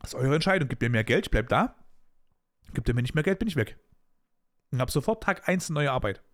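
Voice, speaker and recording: In a brisk, medium-pitched voice, a man hosting a podcast retells a dispute from his job. He tells it bluntly and with animation, in everyday colloquial speech full of asides.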